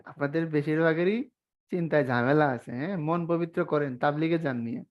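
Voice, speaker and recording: A young man teaches an online exam-prep class on spelling. His voice sits a little high, and he keeps the lesson chatty, teasing his students and tossing them questions. The sound is dull and lo-fi, like a streamed class. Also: a little fast.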